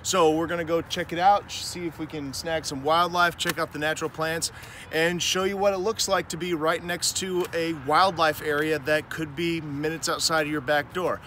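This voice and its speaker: A gardening vlogger in his thirties walks an outdoor nature trail, chatting enthusiastically as he points out plants. His voice is on the high side and sharp, with fairly even intonation and a moderate pace. The on-camera mic of his handheld camera picks up a little hiss or hum.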